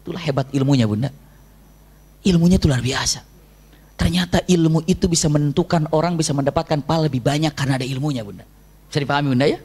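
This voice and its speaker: A man, preaching in an animated storytelling sermon to a women's study group and addressing them directly. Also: a little high, quick pace, breathy edge.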